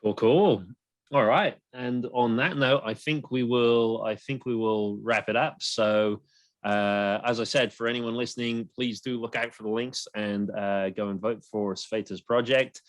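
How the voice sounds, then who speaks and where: A man's voice: mid-range voice, steady tone, unhurried, dry recording. A young man hosting a podcast, telling a story in a loose, rambling way. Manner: storytelling, many restarts and fillers. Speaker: podcast host. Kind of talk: casual podcast chat.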